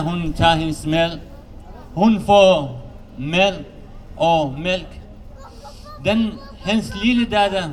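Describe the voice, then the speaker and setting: A man who learned Danish as another language, giving a halting public testimony at a gathering, with many restarts and rising heat. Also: a little high. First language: not Danish. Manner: halting, non-native Danish with many restarts, growing heated. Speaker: asylum seeker speaking at a public meeting.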